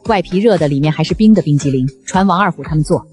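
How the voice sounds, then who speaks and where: A woman's voice: low-pitched, fast talker, a little mellow, faint music behind, close to an everyday voice. A woman playing an imperious, indulgent grandmother empress dowager giving regal commands in a comic Qing court drama. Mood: commanding. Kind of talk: acted comic short drama.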